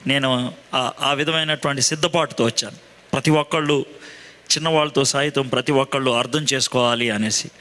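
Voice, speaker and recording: A man preaching a sermon, speaking slowly and deliberately so that everyone can follow. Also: medium pitch, fairly even intonation, pushed and bright. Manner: slow, deliberate teaching delivery. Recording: long hall reverb.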